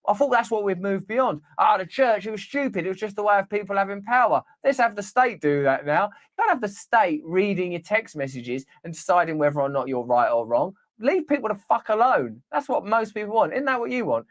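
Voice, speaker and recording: Higher-voiced man doing irreverent comic news commentary. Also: no room sound. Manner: animated, irreverent, sweary asides; rhetorical questions to the listener. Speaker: commentary show host. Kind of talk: reading news reports aloud with mocking comic commentary.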